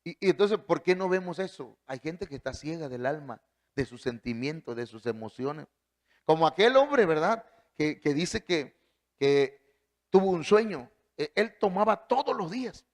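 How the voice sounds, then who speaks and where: Guy preaching, emphatic, kinda high voice, goes up and down a lot. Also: animated, moderate pace. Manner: emphatic, big swings in pitch and loudness. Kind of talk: sermon.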